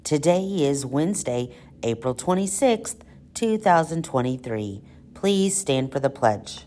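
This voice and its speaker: A woman's voice: low-pitched, unhurried, slight background noise. A woman hosting school announcements in the manner of a kids show host, exclamatory and talking straight to children. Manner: animated, exclamatory, talks to children.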